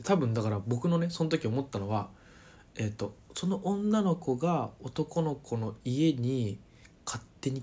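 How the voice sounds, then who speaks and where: A man casually telling a personal story to camera, chatty and full of fillers, animated as he retells events. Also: mid-range voice, slightly rough. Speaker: vlogger.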